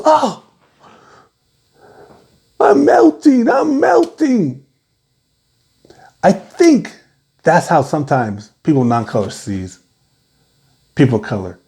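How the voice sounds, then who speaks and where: Animated man asking rhetorical questions. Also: medium pitch. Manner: asks many rhetorical questions; repeats key points for emphasis. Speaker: video host giving advice. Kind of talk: direct-to-camera talk.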